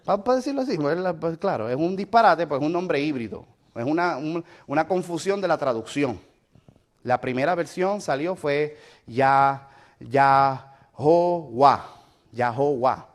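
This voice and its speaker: A man's voice: on the high side, animated, normal speed. A man teaching a Bible study lesson, explaining step by step and checking with listeners whether they follow. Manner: explanatory, asks the listener questions; mixes in English fillers like "so".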